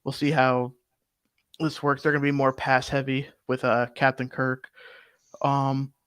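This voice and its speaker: A young man co-hosting a sports betting show, arguing football picks in casual, animated talk full of fillers. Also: medium pitch, a little slow, smooth, no echo. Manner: animated, argumentative, rambling with fillers.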